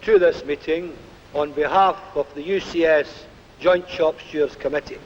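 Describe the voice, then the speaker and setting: Male meeting chairman, high forceful delivery, dull hall recording. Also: normal speed. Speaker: meeting chairman, shop steward. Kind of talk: addressing a mass meeting. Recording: echoey hall, faintly noisy dull recording.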